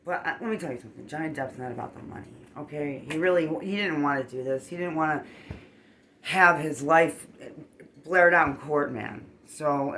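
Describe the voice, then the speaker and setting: Animated, rambling tarot reader with a bright voice. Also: a little hiss or hum. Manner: animated, rambling, punctuated with "boom" and "okay?"; emotional, gets worked up. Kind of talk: casual tarot reading monologue.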